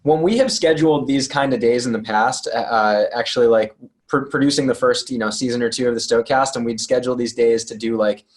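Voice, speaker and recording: Rambling man co-hosting a panel. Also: mid-range voice. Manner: rambling, many fillers and restarts. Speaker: podcast co-host. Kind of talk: casual video-call chat. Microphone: video call.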